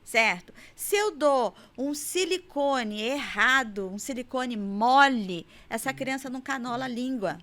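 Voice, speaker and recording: A Brazilian woman chats as a podcast guest, explaining infant feeding in a fairly high, bright-pitched voice. She tells her stories with animation and acts out what people say. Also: unhurried, hardly any pauses. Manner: animated storyteller who acts out quotes and laughs often. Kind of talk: casual podcast chat.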